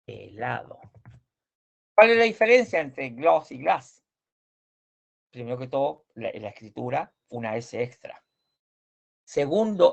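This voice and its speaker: Slow gravelly male language teacher. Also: medium pitch, fairly bright tone. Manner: repeats and corrects students patiently, drills pronunciation. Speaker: Swedish teacher. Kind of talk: online class explanation.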